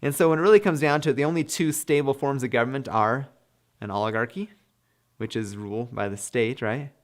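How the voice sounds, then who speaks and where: Man, lecturer, brisk pace, emphatic, asks "okay?" a lot. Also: medium pitch. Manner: emphatic, punctuates points with "okay?". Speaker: civics lecturer. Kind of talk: classroom lecture with slides.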